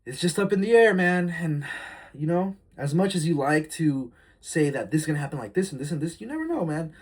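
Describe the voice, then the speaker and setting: With a slightly high, slightly rough voice and big pitch swings, a twenty-one-year-old talks briskly to his phone camera. It's a candid, rambling confessional vlog, reflective and heartfelt, full of fillers.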